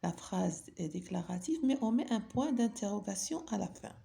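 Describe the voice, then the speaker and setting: A woman's voice: medium pitch, expressive, normal speed, creaky, mellow. A woman teaching a grammar lesson, patiently asking her pupils questions and then answering them herself. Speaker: French teacher.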